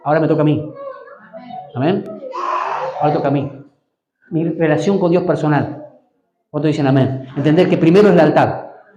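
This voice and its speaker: Pastor, male, high mellow voice, call-and-response sermon, echoey church hall. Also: moderate pace, pauses often. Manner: preaching with call-and-response prompts to the congregation.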